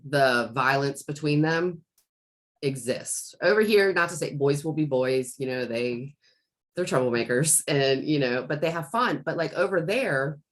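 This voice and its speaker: A woman's voice: deep voice, expressive, a little slow. A middle-aged woman in casual podcast conversation, rambling with many restarts and fillers as she tells a story from home. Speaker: life coach.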